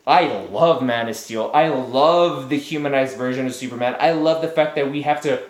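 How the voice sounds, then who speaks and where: A man's voice: mid-range voice, moderate pace. Ranting profane man, echoey room. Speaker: podcast co-host. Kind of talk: casual chat.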